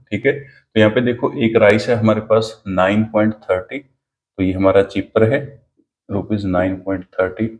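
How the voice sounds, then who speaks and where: A man teaching an exam-prep math lesson, explaining each step slowly and dictating a word problem. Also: lowish voice, a little mellow.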